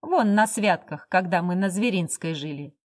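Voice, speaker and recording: A coarse drunken man bellows and jeers at everyone around him, loud and crude, his taunts sneering and shameless, as a woman reading the story puts him on. He mocks and shouts from his chair in a storybook reading. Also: lowish voice, animated, normal speed, close to an everyday voice. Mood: contemptuous.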